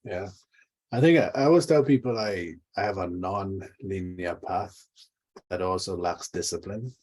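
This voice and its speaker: A man's voice: deep voice, normal speed, darkish tone, rough recording. A middle-aged man from Trinidad and Tobago, a leadership coach telling reflective stories with dry humor in an interview. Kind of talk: conversational interview.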